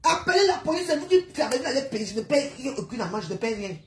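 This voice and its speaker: Speaking from her apartment-building home, a widow pours out an emotional monologue against her neighbors, repeating herself emphatically and throwing in tag questions. Her voice is high, very animated and fast, with a roomy sound.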